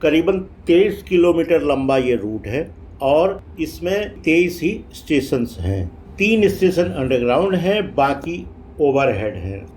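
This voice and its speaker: A man's voice: a little high, sing-song, unhurried, darkish tone, slight background noise. A man giving informative travel vlog commentary, explaining things directly to viewers. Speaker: vlog host. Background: faint metro train ambience.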